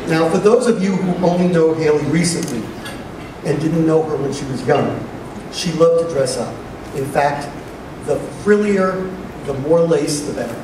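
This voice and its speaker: Middle-aged father of the bride, echoey hall speech. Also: fairly high pitch. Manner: deliberate public speaking with pauses and dry joking. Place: large room at a wedding reception. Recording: echoey reception hall, distant mic, noisy crowd. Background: guests and crowd noise.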